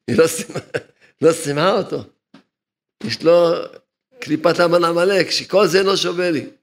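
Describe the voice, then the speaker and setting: A man's voice: on the high side, long pauses. A man teaching a religious lesson, explaining his points over and over and chuckling at his own remarks. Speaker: rabbi teaching a Torah lesson.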